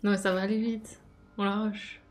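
A woman's voice: mid-range voice, level tone, moderate pace. A woman chatting casually while she plays a video game with a partner. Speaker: game streamer's co-player. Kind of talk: casual chat while gaming.

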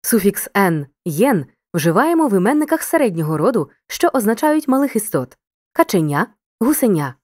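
A woman reading a scripted lesson, addressing the listener directly and spelling out example words clearly. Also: mid-range voice, very animated, normal speed, darkish tone, dry recording, studio quality. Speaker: teacher.

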